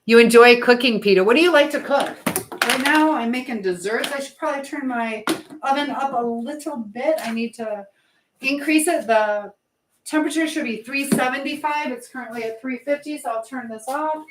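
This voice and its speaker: This livestream host has a high-pitched voice and keeps a moderate pace as she bakes in her home kitchen. Her chat with viewers is relaxed and rambling, full of informal answers to their questions. Background noise comes through clearly in the echoey space.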